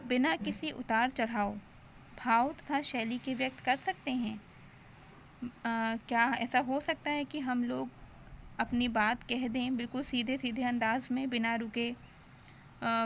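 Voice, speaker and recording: A young woman teaching a grammar lesson, explaining slowly and posing questions that she answers herself. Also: on the high side, gravelly, a bit bright, slight background noise. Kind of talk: online Hindi grammar lesson.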